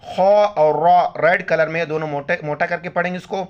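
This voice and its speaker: A man teaching Quran reading, spelling syllables slowly and adding quick explanations of the rules. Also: on the high side, fairly even intonation, smooth. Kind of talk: letter-by-letter recitation lesson. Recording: slightly dull lo-fi audio.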